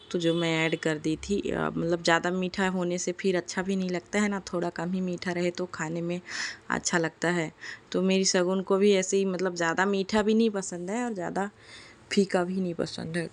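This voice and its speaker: A young woman, a mother, narrating a casual family vlog in a chatty, homely way with lots of fillers. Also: on the low side. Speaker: vlogger mother.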